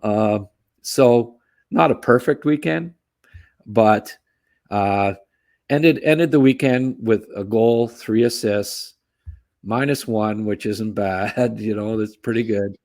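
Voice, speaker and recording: A man with a low-leaning, darkish voice takes his time while co-hosting a sports podcast. He chats casually about hockey, habitually tacks "eh" onto his comments, and laughs at his own asides.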